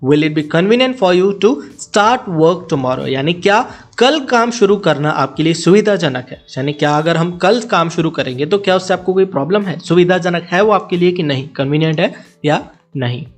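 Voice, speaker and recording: A man teaching English vocabulary in Hindi. He spells each word and says each example sentence slowly, then explains it quickly. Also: high voice, animated.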